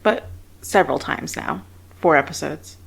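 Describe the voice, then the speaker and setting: A woman's voice: low-pitched, normal speed, vocal fry, slightly rough, low-quality recording. A woman podcast host talking in an informative, conversational way. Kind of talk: casual episode discussion.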